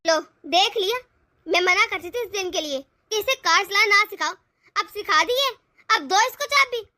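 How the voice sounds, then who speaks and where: A gentle young sister-in-law soothes and indulges, voiced by a woman. The voice is very high and bright. It is a homemade family drama with a dry, close sound. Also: animated, moderate pace, no echo, exaggerated voice. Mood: soothing.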